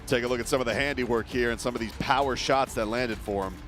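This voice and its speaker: A man's voice: medium pitch, fast, fairly bright tone, soft background music. A man calling a boxing broadcast as play-by-play commentator, summing up and handing over. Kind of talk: live sports broadcast commentary.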